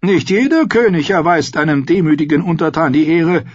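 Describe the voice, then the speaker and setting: A man's voice: a little high, lively intonation, normal speed, slightly rough, no room sound, highs cut off, voice pushed up. Tyrion, a wry mock-polite dwarf lord, as a man puts him on. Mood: wry courteous. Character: ironic, wine-soaked dwarf nobleman.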